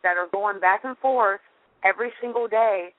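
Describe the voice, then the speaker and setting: Over a narrow-band telephone line, a woman from the public phones in a complaint, insistent and questioning and often repeating herself. Her medium-pitched voice moves at normal speed, with no room sound.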